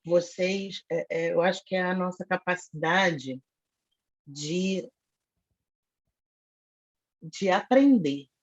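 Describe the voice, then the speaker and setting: A Brazilian-accented woman talks freely in a podcast chat, blunt and animated as she tells her stories. Her voice has a breathy, husky edge. The audio sounds a little muffled and dull. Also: fairly low pitch, slow, pauses often. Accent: Brazilian Portuguese. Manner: animated storyteller, self-described foul-mouthed. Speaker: podcast guest. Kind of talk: casual interview conversation.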